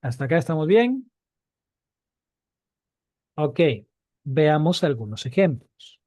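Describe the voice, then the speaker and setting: Dark-voiced man teaching a class. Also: on the high side, big pitch swings, takes it slowly, no echo, clean studio sound. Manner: repeats key points, asks students questions. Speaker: Biblical Hebrew teacher. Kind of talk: online class lesson.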